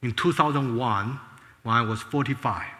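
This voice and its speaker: A man's voice: mid-range voice, moderate pace, pushed and bright. A man in his sixties, from Taiwan, telling his life story in an earnest testimony talk, often restarting his sentences. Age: 60s. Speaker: former space scientist giving a testimony. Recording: long hall reverb.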